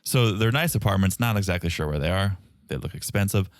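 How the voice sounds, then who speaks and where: A man with a Boston accent chats as a podcast co-host. His voice sits low and moves around a lot in pitch, close and dry in sound. He banters casually with a wry, joking streak. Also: lively intonation, a little fast, no echo.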